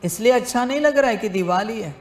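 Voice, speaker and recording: In a devotional discourse, a male spiritual teacher speaks slowly and deliberately, repeating phrases for emphasis and calling his listeners his children like a father would. His voice is very high-pitched and expressive, and the recording has a roomy sound.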